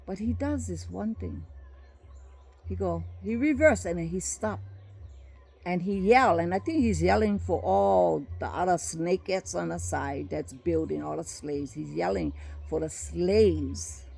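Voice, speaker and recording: Gravelly older woman with Hawaiian Pidgin. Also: lowish voice, unhurried, warm tone. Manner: heated, profane, blunt storytelling. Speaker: vlogger recounting a dispute. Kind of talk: angry monologue vlog.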